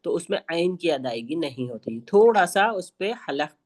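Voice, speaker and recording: A lower-voiced woman with an Indian Urdu accent leads an online recitation class. She explains each sound patiently and says it slowly so students can echo it back. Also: animated. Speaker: Quran recitation teacher.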